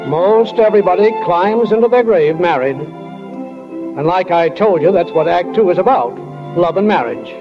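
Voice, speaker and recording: A man with a high-sitting, expressive voice narrates a play in 1940s radio style, speaking at normal speed over music. He plays a homespun, wryly philosophical small-town narrator who talks plainly and straight to the audience, heard through a muffled old 1940s radio recording.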